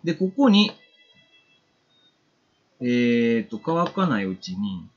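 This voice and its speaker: A man's voice: mid-range voice, sing-song, slow pace, lo-fi sound. A man with a Kansai accent giving a casual, chatty watercolor painting demo on a live stream, reading viewer comments aloud.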